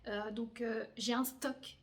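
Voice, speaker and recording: A woman's voice: on the high side, steady tone, takes it slowly. A young woman chatting casually about her crochet projects, with many fillers and blunt slangy asides. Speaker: crafting podcaster. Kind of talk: casual chat. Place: her bedroom.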